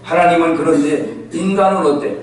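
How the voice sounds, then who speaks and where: High-voiced pastor in an echoey hall. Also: male voice, moderate pace. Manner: animated storytelling, acting out quoted voices. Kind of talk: sermon. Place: church sanctuary. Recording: echoey church hall from far off.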